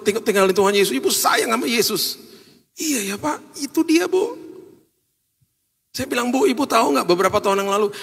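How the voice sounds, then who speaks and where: A man's voice: sits high, vocal fry, a bit bright, husky. A man preaching a sermon as a pastor, telling stories and acting out the people in them. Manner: storytelling, acts out quoted voices, mixes in English phrases. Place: large church hall. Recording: church hall reverb.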